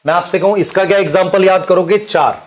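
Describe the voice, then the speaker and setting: A man's voice: high voice, fast. A male biology teacher, explaining at the board and quizzing students with rhetorical questions. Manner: addresses students as beta and bhai.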